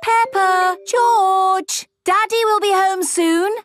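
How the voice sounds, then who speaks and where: A British woman voicing a gentle, sensible mother pig in a cartoon. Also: extremely high pitch, steady tone, takes it slowly, heavy background noise. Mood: kind, bright. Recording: music behind the voice.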